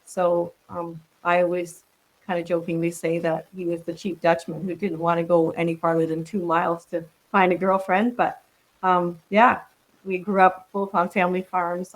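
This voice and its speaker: A Dutch woman in her sixties with a lowish voice talks reflectively and casually as a podcast guest in an interview conversation. She says "um" a lot and frequently restarts her sentences, and the audio is poor.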